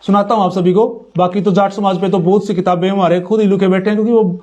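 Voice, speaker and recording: A man with a Haryanvi accent giving an informal talk, reading long lists of clan names slowly and then speaking in brisker asides to his friends. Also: high-pitched, fairly even intonation, mellow. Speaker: community speaker.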